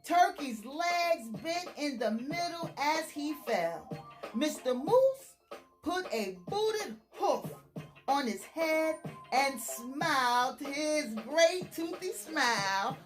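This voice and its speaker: A woman reading a children's story aloud in an expressive, dramatic storytime style with drawn-out words. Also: high voice, faint music behind.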